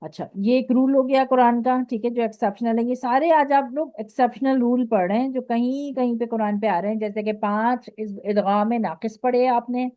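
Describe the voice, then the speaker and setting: A woman with an Urdu accent teaching Quran recitation rules in an online lesson. She explains patiently, keeps checking with "okay", and recites her examples slowly. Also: a little high, fairly even intonation, no room sound. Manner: slow drawn-out recitation of examples. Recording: dry, dull lo-fi audio.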